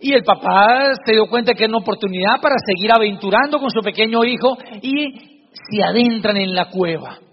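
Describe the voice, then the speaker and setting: A man's voice: sits high, brisk, in a large hall, slight background noise. Guy giving a preachy motivational talk on stage, muffled live recording. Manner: preachy, addresses the audience directly. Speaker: motivational speaker. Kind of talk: motivational talk with a storytelling segment.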